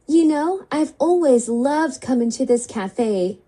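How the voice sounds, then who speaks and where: A woman's voice: high voice, animated, takes it slowly, dark tone, husky, full character voice. A woman whose voice is run through an app voice-changer preset, playing a chatty young woman at a cafe. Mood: friendly. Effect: app voice changer preset giving a processed woman's voice.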